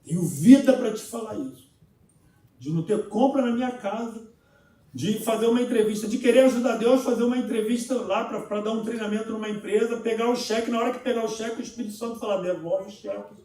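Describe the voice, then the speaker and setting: A man with a Brazilian accent preaching a sermon as pastor, telling his own story with lively humorous asides. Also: extremely high pitch, quick pace. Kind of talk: sermon with personal testimony. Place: church sanctuary. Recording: very echoey church, voice from far off.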